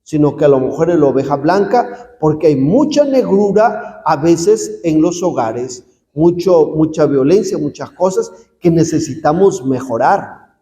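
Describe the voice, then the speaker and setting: A priest preaches in a high, mellow voice, talking to his listeners as if in conversation and asking them rhetorical questions. His words ring through a roomy hall with a long reverb tail. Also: lively intonation, measured pace. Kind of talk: sermon.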